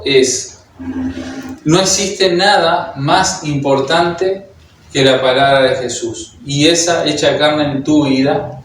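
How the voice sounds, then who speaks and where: A man's voice: medium pitch, slight background noise. A Uruguayan man with a Uruguayan Spanish accent preaching to a congregation, hesitant, with many fillers and restarts. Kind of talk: sermon. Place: church hall. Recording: very echoey hall, heard from a distance.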